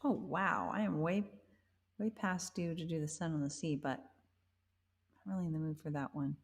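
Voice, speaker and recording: A woman's voice: low voice, steady tone, moderate pace, long reverb tail. A woman singer-songwriter chatting casually with livestream viewers, rambling and amused at herself. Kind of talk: casual chat with live viewers.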